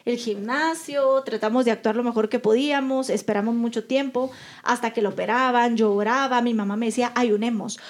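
A woman's voice: a little high, fairly even intonation, brisk. A young adult woman, co-hosting a podcast in casual chat and earnestly telling a personal story while acting out what her relatives said. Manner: earnest, acts out quoted relatives. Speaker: podcast co-host.

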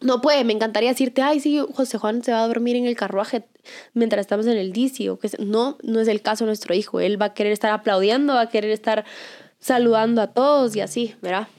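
A woman's voice: on the high side, fast talker. A woman, co-hosting a podcast and telling a family story in casual chat, acting out the voices of the people in it. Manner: animated, acts out her own and her son's lines. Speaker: podcast co-host, mother.

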